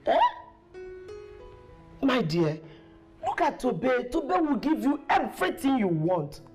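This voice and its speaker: A woman's voice: high voice, big pitch swings, takes it slowly, a little mellow, soft background music, heavily acted. An actress in a Nigerian film playing a middle-aged mother with a Nigerian accent, effusive and exclamatory as she pushes her daughter's match. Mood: persuasive. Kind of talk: film acting.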